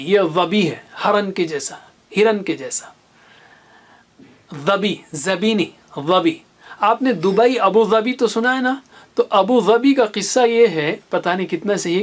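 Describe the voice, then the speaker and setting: A patient reading teacher in a recorded lesson. The pace is unhurried, and each Arabic letter sound is spelled out and repeated with care for the learner. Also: medium pitch. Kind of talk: recorded lesson with memory stories.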